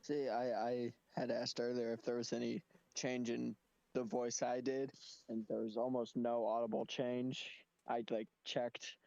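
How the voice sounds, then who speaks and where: A man's voice: medium pitch, level tone, a little slow, vocal fry, warm tone. A man joking and teasing in casual chat before a tabletop game. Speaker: player. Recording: dull dry mic.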